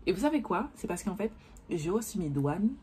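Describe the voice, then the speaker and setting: A young woman rambles through a casual makeup vlog, her voice sitting a little low. She swears freely when something annoys her. A steady hiss of noise runs underneath. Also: normal speed. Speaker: beauty vlogger. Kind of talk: casual chat to camera.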